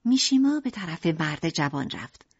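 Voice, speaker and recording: A woman narrating an audiobook in an expressive storytelling manner. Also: deep voice, vocal fry, breathy edge, no room sound, muffled recording.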